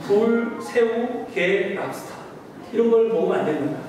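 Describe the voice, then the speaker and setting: A male pastor preaches a Sunday sermon in a conversational, storytelling way. His voice sits high for a man. The sound bounces around a large church hall, picked up from a distance with a faint rumble beneath. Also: lively intonation, normal speed, darkish tone. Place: church sanctuary. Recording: echoey hall, distant mic.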